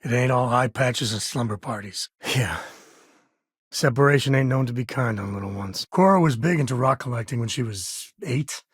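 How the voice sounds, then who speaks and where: Man playing Sam Coe, husky folksy space cowboy. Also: medium pitch, normal speed, no room sound, clean studio sound, close to an everyday voice. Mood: wry, easygoing. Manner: folksy, wry, conversational. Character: easygoing, wry space cowboy pilot and father. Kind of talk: video game voice acting.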